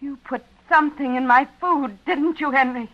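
A woman playing a frightened, tied-up woman in an old radio thriller, pleading in a trembling, breathy voice. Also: sits high, moderate pace, natural voice. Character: terrified kidnapped woman, tied up in dark. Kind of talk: 1940s radio acting. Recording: dull old radio broadcast.

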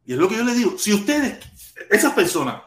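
High-voiced Cuban man live-streaming, echoey room. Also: big pitch swings, a little fast. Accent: Cuban Spanish. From Cuba. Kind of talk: casual live-stream chat. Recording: echoey room with faint noise.

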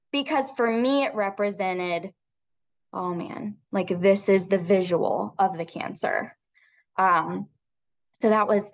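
A woman in her thirties, a podcast guest telling a personal story, speaking reflectively with frequent restarts and filler words. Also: medium pitch.

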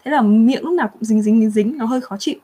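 A young woman hosting a casual live chat, answering viewer questions in a chatty, animated way. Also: a little high, fast talker, slightly rough. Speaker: livestream host.

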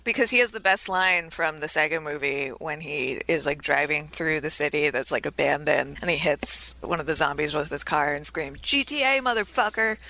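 A woman's voice: low voice, steady tone, normal speed, gravelly, few pauses, bright, forceful tone, rough recording. A woman co-hosting a podcast, chatting casually and agreeably about horror movies. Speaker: podcast co-host. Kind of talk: casual movie review chat.

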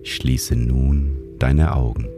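A man narrates a guided sleep meditation in a soothing, calm manner, like a sleep-story narrator. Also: very deep voice, very slow, over music. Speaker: meditation guide and show host.

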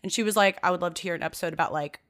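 A woman's voice: fairly low pitch, racing, fairly bright tone. A woman co-hosting a podcast in casual comedic chat, speaking frankly and emphatically, repeating phrases for effect. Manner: frank, sweary. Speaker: podcast co-host.

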